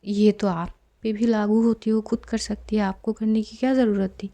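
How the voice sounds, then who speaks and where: A woman reading the lines of a polite, quick-witted young assistant in a spoken storybook. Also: medium pitch, level tone, mellow, close to an everyday voice. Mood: pointed.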